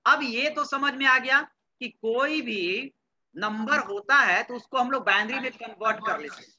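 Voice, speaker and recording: A man teaching a class, his voice bright and forward. He keeps firing questions at the students and echoing their replies. The recording is dull and lo-fi. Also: very high voice, moderate pace, a little hiss or hum. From Bihar, India. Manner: quizzes students and repeats their answers; mixes English terms into Hindi. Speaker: computer science teacher. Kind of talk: classroom lecture.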